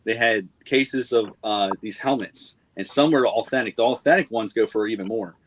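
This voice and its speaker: A man co-hosting a casual reselling live show, calmly explaining practical methods with some hesitation. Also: on the low side, normal speed, no room sound, low-quality recording. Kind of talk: casual group chat.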